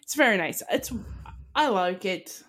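A woman's voice: medium pitch, lively intonation, measured pace, a bit bright. A young woman from Canada co-hosting a podcast in casual chat, giggly and playful. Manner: chatty, giggly, playful with French words. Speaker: podcast co-host.

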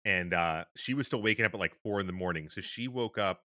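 A man's voice: deep voice, fairly quick, sharp tone, no room sound, clean studio sound. A man co-hosting a podcast in casual chat, rambling with fillers and restarts. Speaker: podcast co-host.

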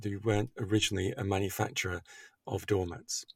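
Man from Yorkshire, English accent, lowish voice, courteous formal podcast hosting, dry recording. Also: fairly even intonation, fairly quick, breathy edge, dry recording. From Yorkshire, England. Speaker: podcast host, managing director.

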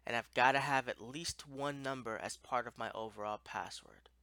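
Bright-voiced man giving a software walkthrough. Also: medium pitch, moderate pace, clean tone, no echo. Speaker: instructor.

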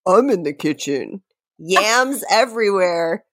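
A woman co-hosts a comedy podcast and reads song lyrics as mock drama, mixing in casual banter. She delivers the silly lines in a theatrical, deliberate way and is prone to giggling. Her expressive, mid-range voice has a fairly bright tone, captured in a dry, studio-quality recording.

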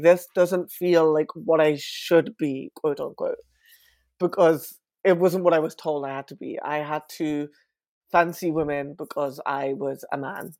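A young man from West London, chatting as an interview guest with frequent fillers and an animated manner. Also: fairly high pitch, no echo. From West London, England. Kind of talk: casual interview talk.

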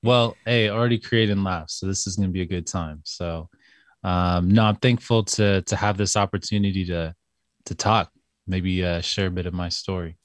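A man answering as a podcast guest, thoughtful and hesitant, often pausing and starting sentences again. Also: sits low, fairly even intonation, dry recording. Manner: thoughtful, hesitant, many fillers and restarts. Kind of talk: casual interview chat.

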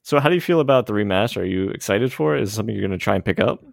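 A man co-hosting a podcast, telling stories in a casual, animated and easygoing way. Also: lowish voice, very fast, creaky, dry recording, studio quality. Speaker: podcast co-host. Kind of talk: casual chat.

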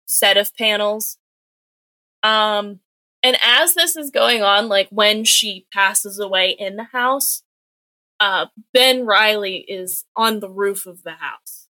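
Young woman on a podcast, super bright voice, chatty and full of "like"s, dry close sound. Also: medium pitch, dry recording. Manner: chatty, filler-heavy retelling with quick acted-out quotes. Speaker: podcast co-host. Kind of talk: casual chat recapping a comic book.

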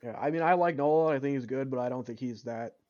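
A man co-hosting a casual sports podcast, lively and teasing with his friends. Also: mid-range voice, quick pace. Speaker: podcast co-host. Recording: slightly dull lo-fi sound.

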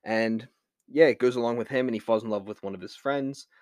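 A man's voice: medium pitch, fairly quick, darkish tone, no room sound, studio quality. A man with a Delaware County, Philadelphia accent, chatting casually as he hosts a film review podcast. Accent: Delaware County, Philadelphia area. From Delaware County, Pennsylvania, USA. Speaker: podcast host.

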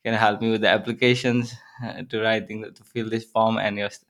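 A man's voice: on the low side, level tone, brisk, a bit bright. A young man from Nepal with a Nepali accent, answering interview questions earnestly and searching for words. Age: young adult. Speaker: guest, filmmaker and student.

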